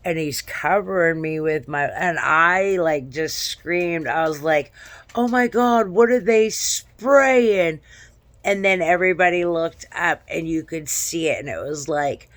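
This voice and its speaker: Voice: medium pitch, fairly bright tone, no room sound. A vlogger casually retelling a dream in a rambling, repetitive way, often checking in with "okay?" and "right?".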